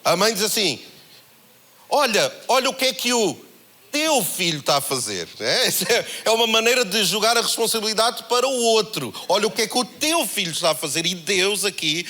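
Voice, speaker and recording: A man with a European Portuguese accent preaching a sermon, in a conversational, animated way that acts out the voices he quotes. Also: high-pitched, fairly quick. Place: church held in a cinema.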